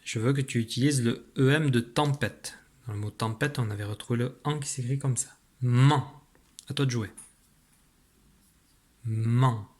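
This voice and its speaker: A man, a teacher giving a recorded spelling dictation, patient and clear, slowly articulating each sound. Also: mid-range voice, a little mellow.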